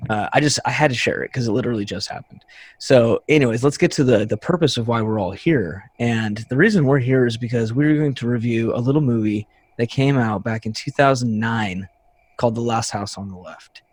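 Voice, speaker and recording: A man's voice: mid-range voice, a little fast, no echo. A man in his thirties hosting a podcast, telling a rambling story in casual chat and acting out the people he quotes. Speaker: podcast host.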